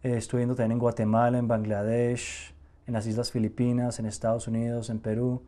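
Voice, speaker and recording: Young Nicaraguan-born man, warm relaxed voice, casual reflective studio interview. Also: mid-range voice, a little fast. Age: young adult. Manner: casual, reflective, with fillers and restarts. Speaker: mentalist interviewee. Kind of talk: interview answers. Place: TV studio set.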